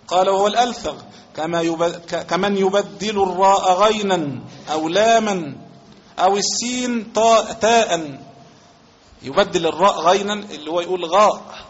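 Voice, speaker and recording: A man with an Egyptian accent gives a classroom-style religious lesson in a fairly high voice. He reads lines from a legal text and then unpacks them, repeating phrases and offering examples. The recording sounds dull and lo-fi. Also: a bit bright, a little hiss or hum. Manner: reads a passage aloud, then explains it with repetition and examples. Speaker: religious teacher.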